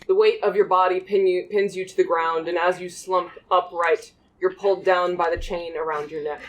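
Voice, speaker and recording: A man's voice: high voice, low-quality recording. Man narrating a tabletop game. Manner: slow, descriptive second-person narration. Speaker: game master.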